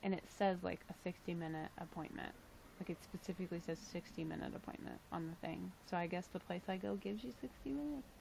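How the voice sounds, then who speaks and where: A woman's voice: on the low side, fast talker, gravelly, a little mellow, a little hiss or hum, poor audio. Tired young woman chatting on a livestream. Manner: chatty, lots of "like" and "um", reads chat aloud. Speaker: livestream host. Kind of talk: casual livestream chat.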